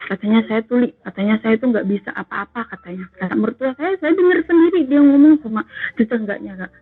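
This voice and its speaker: Over a tinny phone line, a woman caller earnestly shares a personal story, repeatedly calling the host "Kak." Her voice is slightly high, fast and husky, with no room sound, and the telling is emotional.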